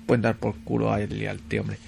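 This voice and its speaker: Man, fast talker, gravelly voice, crude joking banter, radio studio. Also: little pitch movement, darkish tone. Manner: crude, joking, often mutters low. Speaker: radio show co-host. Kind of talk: casual banter on a radio show.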